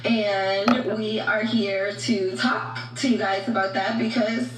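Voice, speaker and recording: A woman's voice: medium pitch, fairly even intonation, slow pace. A woman vlogger chatting casually to her viewers in a clip. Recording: roomy clip with loud music.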